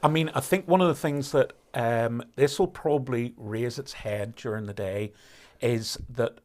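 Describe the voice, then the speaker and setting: A man commentating on a rally live stream, explaining conditions in a measured way with fillers and restarts. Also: mid-range voice, a little mellow.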